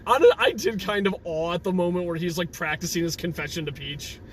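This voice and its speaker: A young man co-hosting a casual movie review chat, agreeable and quick to laugh. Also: high-pitched, very animated, slight background noise. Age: young adult. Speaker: co-host.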